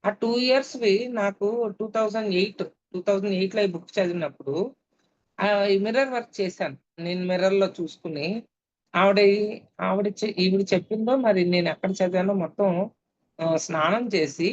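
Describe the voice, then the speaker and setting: A middle-aged woman, a meditation teacher, telling a personal story in a reflective way with frequent pauses. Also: medium pitch. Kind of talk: personal testimony talk. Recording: dull lo-fi recording with faint hiss.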